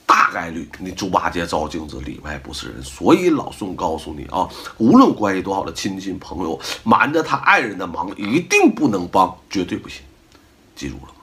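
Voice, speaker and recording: Middle-aged male host, casual advice monologue, emphatic and lecturing, rhetorical questions throughout, very lively pitch and a bright voice. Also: fairly quick. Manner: animated, full of rhetorical questions. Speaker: host giving life advice.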